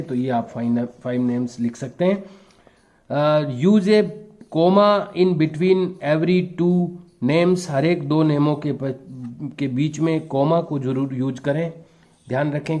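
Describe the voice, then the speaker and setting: A male teacher slowly dictating answers and translating each phrase for his pupils. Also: fairly high pitch, dark tone. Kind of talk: classroom lesson, bilingual explanation.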